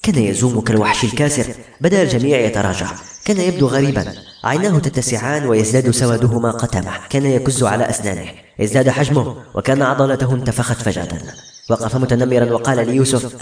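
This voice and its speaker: A man narrating a novel as an audiobook in a brisk, even storytelling manner. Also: mid-range voice. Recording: roomy echo.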